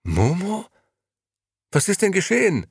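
A man voicing a jittery young man who whines and complains, with a husky voice. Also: fairly high pitch, big pitch swings, normal speed, a bit bright, no echo, clean studio sound, pitched above the performer's own voice, full character voice. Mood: whining. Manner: whining, plaintive.

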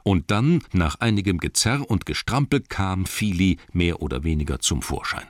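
A man narrating a storybook in an expressive, lively way, with asides to his listeners. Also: low-pitched, moderate pace, no room sound. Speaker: audiobook narrator.

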